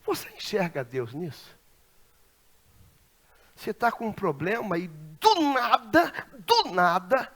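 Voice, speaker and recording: Animated preacher from Rio. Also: male voice, sits high, creaky, breathy edge. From Brazil. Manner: dramatic storytelling, swings from hushed to shouting. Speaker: pastor. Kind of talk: Pentecostal sermon. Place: large church sanctuary.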